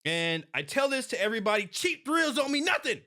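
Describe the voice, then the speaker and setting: A woman's voice: on the high side, brisk. A woman hosting a podcast, commenting casually and emphatically on a video clip as a private security expert, with many restarts. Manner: animated and emphatic, with frequent restarts and laughs.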